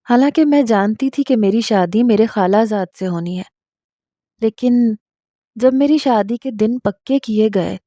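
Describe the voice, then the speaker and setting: Mellow woman calmly reading a love story. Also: a little high, dry recording, clean studio sound. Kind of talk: scripted first-person story narration.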